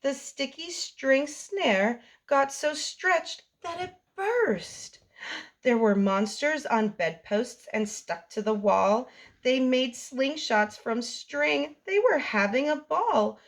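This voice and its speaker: Reading a picture book to young kids, this woman hosts storytime with a sing-song, expressive style. Her voice sits high and she takes her time.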